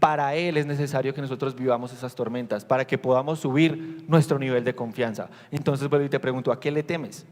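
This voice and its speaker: A man's voice: medium pitch, fairly even intonation, fairly quick, few pauses, a little mellow, long reverb tail. A man preaching a sermon as a pastor, telling the story with animation, acting out the disciples' lines and asking the congregation questions.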